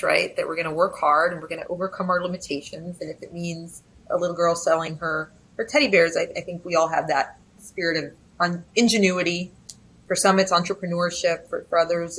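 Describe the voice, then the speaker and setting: A woman with a lowish, slightly bright voice speaks on poor-quality audio. She grew up speaking Spanish at home in Texas, USA, and is a business editor appearing as a guest in a conversational interview, reflecting aloud with frequent fillers and restarts.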